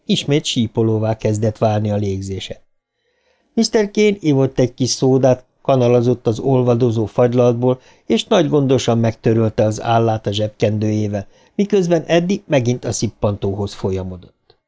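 A man narrating an audiobook in an even, measured storytelling manner. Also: mid-range voice. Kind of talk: scripted narration.

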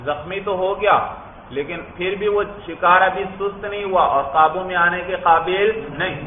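A man's voice: sits high, steady tone, a little hiss or hum. A man teaching Islamic law in a lecture, reading Arabic text and explaining it step by step, often asking questions and answering them himself. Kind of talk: classroom lecture. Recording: tinny phone-like echoey room.

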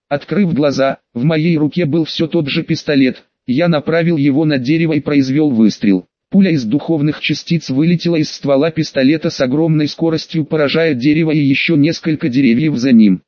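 Higher-pitched man reading, muffled and dry. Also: no echo. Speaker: audiobook narrator. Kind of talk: first-person audiobook narration. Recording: dull, muffled dry recording.

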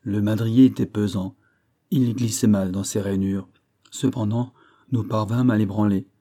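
A man's voice: fairly even intonation, unhurried, dark tone. A man reading a classic adventure novel aloud, lifting his voice for the characters' lines. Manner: reads dialogue with raised pitch and force. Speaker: audiobook reader. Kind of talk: scripted narration of a classic novel.

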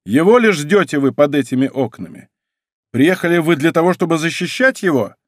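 A man's voice: fairly high pitch, lively intonation, a little fast, no room sound, studio quality. A man doing a haughty noble ambush leader. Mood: commanding. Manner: commanding, haughty. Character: imperious noble leader of an ambush, used to obedience. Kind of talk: audiobook character voice.

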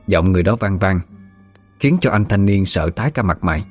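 A man narrates a ghost story in a very deep voice, telling it vividly. Faint music plays softly underneath. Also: animated, brisk.

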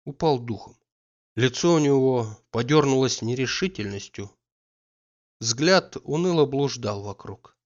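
Guy narrating an old novel, steady and even, dull lo-fi audio. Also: mid-range voice. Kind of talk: literary audiobook reading.

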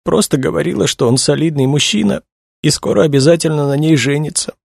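A man reading a novel aloud, voicing a distraught young woman who is crying and speaks in a halting, high voice. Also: vocal fry, no room sound, studio quality. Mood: tearful. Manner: halting, tearful, high-pitched.

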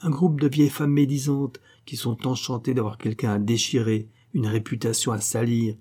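A man voicing a proud young gentleman who speaks in heated, emphatic bursts, in a read-aloud novel. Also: mid-range voice, level tone, moderate pace, slightly rough, natural voice. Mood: indignant. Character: proud young gentleman, hot-tempered and indignant.

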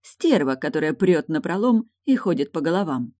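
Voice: medium pitch, big pitch swings, normal speed, a little mellow, dry recording, natural voice. A cutting, mocking woman who leans on a cane and never backs down, voiced by an audiobook reader. She talks with biting scorn, her lines lifted a bit above the reader's own voice. The recording is dry and close. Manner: mocking, bitter. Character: sharp-tongued woman on a cane. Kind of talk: audiobook character voice.

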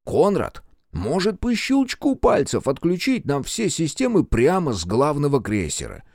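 A man's voice: fairly high pitch, huge pitch swings, measured pace, darkish tone, no room sound, studio quality, pitched above the performer's own voice, exaggerated voice. A man doing a wry cynical pilot. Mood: explaining.

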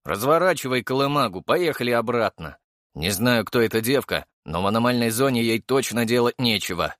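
A man's voice: medium pitch, animated, a little fast, a bit bright, no room sound, clean studio sound, lightly acted. A man reading an audiobook and voicing a gloomy, irritable young male comrade who sighs and grumbles. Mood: sour. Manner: sighing, sour, irritable.

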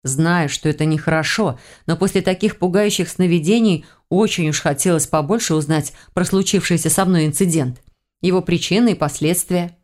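A woman narrating a first-person fantasy novel in a measured, expressive reading. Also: on the low side. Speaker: audiobook narrator.

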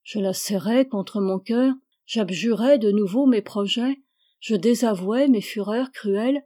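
A woman reads a classic novel aloud with a mellow, warm voice. Her pacing is measured and even, as in literary audiobook narration. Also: mid-range voice. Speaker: audiobook reader.

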